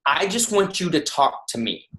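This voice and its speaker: A man putting on a gruff, demanding old vocal coach who scolds bluntly. The voice stays close to the speaker's own, with only a slight lift. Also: high voice, expressive, normal speed, bright, forceful tone. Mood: scolding.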